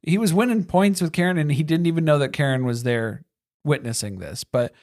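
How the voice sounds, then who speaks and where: A podcast co-host talking through a movie plot at a mid pitch. The delivery is loose and rambling, with dry jokes slipped in along the way. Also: a little fast, darkish tone. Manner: rambling, wry, drifts into side jokes. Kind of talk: casual movie recap chat.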